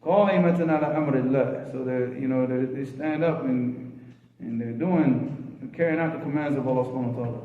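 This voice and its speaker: A man's voice: medium pitch, steady tone, fairly quick. A man teaching a religious lesson informally, switching between English and Arabic as he reads, explains and puts questions to his listeners. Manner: repeats phrases and questions listeners rhetorically. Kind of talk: informal lecture reading and explaining a religious text. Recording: roomy echo, thin phone-like sound.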